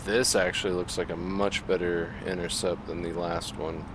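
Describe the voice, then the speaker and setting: A man talking into a pilot cockpit headset, giving crisp radio readbacks to air traffic control and relaxed commentary between calls. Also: low-pitched, normal speed. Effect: speaking into a pilot cockpit headset mic. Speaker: flight simulator pilot. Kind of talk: ATC radio readbacks mixed with casual commentary. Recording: loud steady background noise.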